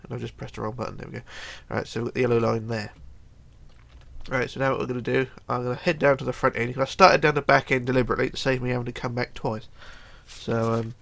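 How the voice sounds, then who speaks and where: A middle-aged man, hoarse from a cold, runs a casual game build tutorial from his home computer desk. He talks quickly in a steady, mid-range, fairly bright voice with vocal fry, counting blocks aloud, chatting, and mumbling frequently.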